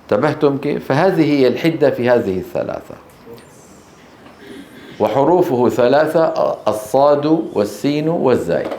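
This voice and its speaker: A man's voice: medium pitch, animated, warm tone. Man teaching Quran recitation. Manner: drawn-out letter demonstrations, quizzing students. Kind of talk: tajweed lesson with call-and-response drills. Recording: echoey room, faint background noise.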